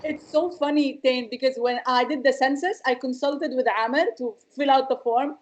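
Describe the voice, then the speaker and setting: Woman, Palestinian accent; casual, halting storyteller, slightly high voice, muffled lo-fi line. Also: fairly even intonation. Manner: halting, filler-heavy anecdote telling. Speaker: comedian and guest. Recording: dull lo-fi sound.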